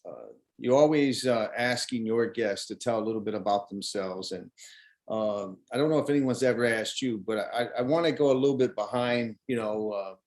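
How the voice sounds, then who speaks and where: A man's voice: on the low side, moderate pace. Chatty male interview host. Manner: friendly, chatty, many uhs. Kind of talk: casual interview.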